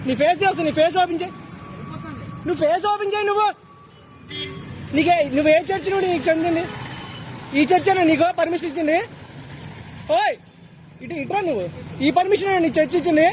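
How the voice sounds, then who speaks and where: High-voiced man firing off insistent demands. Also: fairly quick, pauses often, background noise. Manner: demanding, repeats his questions insistently. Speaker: passerby confronting a street preacher. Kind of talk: heated street confrontation. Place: outdoors on a street by a church.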